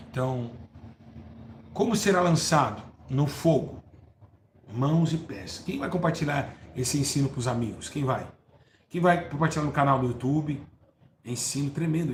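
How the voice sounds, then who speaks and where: A man preaching a live-streamed hellfire sermon, fervent, repeating words and asking listeners for agreement, swinging from loud stresses to low murmurs. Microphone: live-stream mic. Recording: roomy echo with faint background noise.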